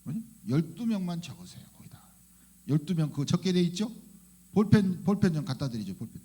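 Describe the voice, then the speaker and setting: A male pastor giving a fervent, animated sermon in church, often crying out hallelujah and questioning the congregation. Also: high-pitched, fairly quick, husky. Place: church sanctuary.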